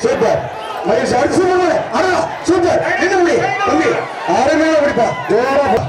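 High-pitched man on a loudspeaker. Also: lively intonation, normal speed. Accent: Tamil Nadu. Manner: repeats exclamations and barks commands at the crowd and handlers. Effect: voice through a loudspeaker PA. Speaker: announcer at a bull-taming event. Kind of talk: live shouted commentary. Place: outdoor arena. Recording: echoey open-air arena, heard from far off, loud crowd and noise.

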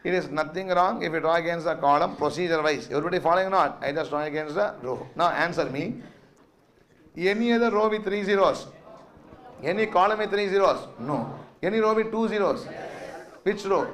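Male maths lecturer, South Indian accent, voice a bit higher than average, dictating with repetition and quizzing the class. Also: fairly quick, a bit bright. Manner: repeats phrases and figures for note-taking; quizzing, prompting questions to students. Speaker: maths teacher.

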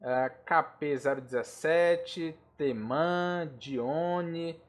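A man's voice: fairly high pitch, drawn-out words. A Brazilian man explaining aviation charts in a casual, slangy tutorial, constantly checking in with the listener. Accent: Brazilian Portuguese. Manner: chatty and informal, slangy asides, checks in with the listener often. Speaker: air traffic control instructor. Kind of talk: casual screen-share tutorial.

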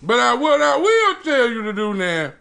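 A man, giving an emphatic, preacher-like motivational talk with dramatic pauses while chewing food. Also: extremely high pitch, sing-song, creaky, bright, forceful tone, clear, resonant tone. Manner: chewing and eating while talking. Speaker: mukbang eating-show host. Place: small indoor room.

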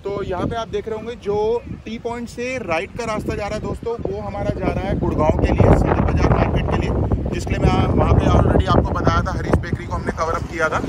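A man from Delhi giving a chatty walking vlog tour outdoors, mixing English words into his talk and often adding "theek hai". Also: sits high. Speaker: vlogger touring an area. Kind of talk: casual walking vlog commentary. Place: outdoors by a road. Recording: outdoor wind and traffic noise. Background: loud wind and passing vehicles.

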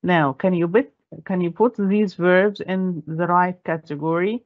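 A woman with an Egyptian accent teaching English pronunciation. She says the English slowly and carefully and explains quickly in Arabic. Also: lowish voice, fairly even intonation, dry recording, phone-quality sound. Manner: slow careful English, brisk Arabic asides. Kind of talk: bilingual classroom explanation.

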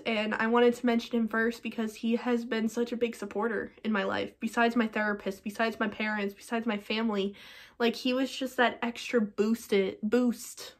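A young woman talking to camera in a personal vlog, emotional and rambling with lots of fillers, a little teary. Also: fairly high pitch. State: teary-eyed. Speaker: vlogger.

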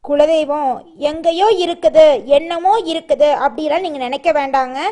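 A woman with a high voice and a Tamil accent gives spiritual advice. Her delivery is brisk and colloquial, speaking directly to the listener as if chatting. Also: fairly even intonation, mellow. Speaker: astrology presenter.

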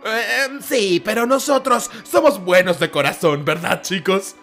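A man's voice: high voice, a little slow, a bit bright, faint music behind. A man voicing a cowardly small ghost, ingratiating and nervous, in a dramatic toy-dinosaur story.

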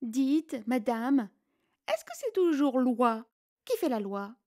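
A tiny chatterbox chick, put on by a woman reading aloud, piping up with endless questions in a very high, squeaky voice. This is a storybook voice, inquisitive and relentless. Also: expressive, slow pace, darkish tone. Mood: curious.

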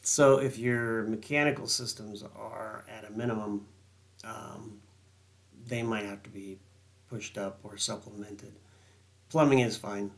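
His lowish voice stays steady at a measured pace as the middle-aged consultant explains building code sections in a screen-share walkthrough. The building design consultant's reading of code text rambles, heavy with fillers, ums, and restarts.

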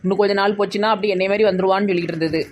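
A woman with a Tirunelveli Tamil accent acting in a comedy skit, chattering gossipy and quick. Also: medium pitch, fairly even intonation, slight background noise. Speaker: comedy sketch actor.

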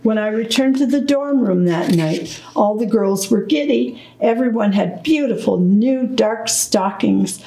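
A woman reading a children's book aloud at storytime, slow, deliberate and gentle. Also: fairly high pitch, expressive, reverberant, a little hiss or hum, poor audio. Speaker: storytime reader.

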